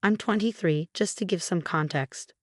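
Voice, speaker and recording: Low-voiced woman narrating, dry and even. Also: no echo. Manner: even, measured reading with no fillers. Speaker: story narrator. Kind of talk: scripted narration of online posts.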